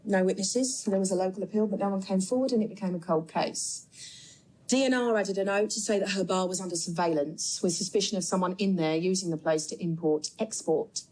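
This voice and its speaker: An actress playing a sceptical senior detective, curt, questioning and authoritative. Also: female voice, medium pitch, brisk, dark tone, close to an everyday voice, rough recording. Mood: commanding, businesslike. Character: sceptical, commanding female police boss. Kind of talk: TV crime drama dialogue.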